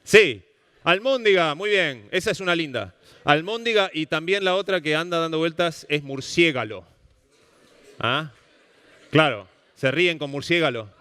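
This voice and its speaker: A man's voice: on the high side, normal speed, smooth. Argentine man lecturing in a hall. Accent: Rioplatense Spanish. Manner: animated, questioning the audience often. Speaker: speaker giving a public talk on language. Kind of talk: public lecture. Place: lecture hall at a cultural center. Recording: long reverb of a hall.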